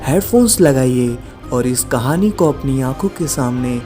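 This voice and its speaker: A man's voice: medium pitch, expressive, a little slow, warm tone, soft background music. Male horror story narrator. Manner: direct address to listeners.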